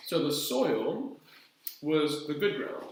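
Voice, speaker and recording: A co-presenter on a children's church show, calmly explaining a Bible lesson in simple words. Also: mid-range voice, slow, a little hiss or hum. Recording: very echoey room.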